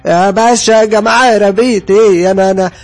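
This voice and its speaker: A man's voice: high voice, steady tone, fast talker, soft background music. An actor playing a terrified young man who stammers and pleads his innocence under interrogation in an audio drama. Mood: panicked pleading. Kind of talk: audio horror drama acting.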